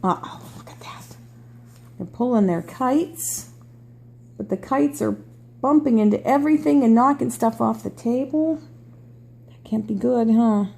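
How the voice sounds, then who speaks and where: An older woman, a sweet, gentle grandmother reading a children's story aloud with chatty asides for a small child. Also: fairly high pitch, unhurried, vocal fry, pauses often.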